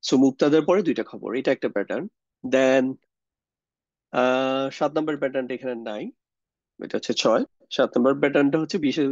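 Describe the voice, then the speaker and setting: A man's voice: medium pitch, darkish tone, no echo, dull audio. A young man teaches a grammar lesson, explaining step by step, mixing in English words and asking rhetorical questions. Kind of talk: lecture on Arabic grammar.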